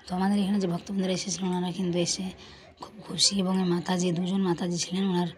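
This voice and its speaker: A woman with a hoarse voice from a cold, earnestly narrating a devotional vlog and addressing viewers as friends. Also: fairly low pitch, level tone, rapid-fire. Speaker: vlog host, pilgrimage guide.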